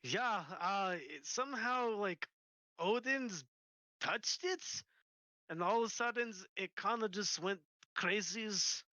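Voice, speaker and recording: A breathless Viking warrior stumbles through a phone call, played by a man. His voice is bright and sharp, his words halting, ungrammatical and slow. He is still catching his breath between lines. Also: sits high, no echo, exaggerated voice. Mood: winded. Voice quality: broken, ungrammatical phrasing. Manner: hesitant, full of uhs. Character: winded Viking warrior bandmate, clumsy grammar. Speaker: caller on the phone.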